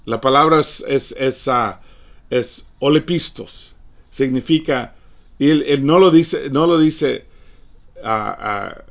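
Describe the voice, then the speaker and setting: A man preaching a sermon in a conversational, way. He repeats words often and moves from quiet asides to raised, emphatic lines. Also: medium pitch, takes it slowly. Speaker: pastor. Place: church or studio, livestreamed.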